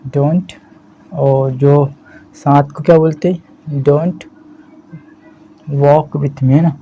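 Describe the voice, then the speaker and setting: Slow, dark-voiced male language teacher. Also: a little high. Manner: slow, repeats "है ना" as a steady check-in. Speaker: spoken English teacher. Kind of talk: explaining a language lesson in Hindi. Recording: slightly dull lo-fi audio with faint background hiss.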